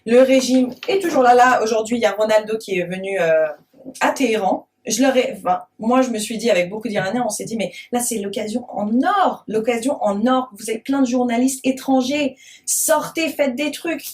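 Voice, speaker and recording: A Frenchwoman with a slightly high, brisk voice speaks as a guest on a talk show, caught on a distant mic. She argues with passion and indignation, frequently restarting her sentences in the heated discussion.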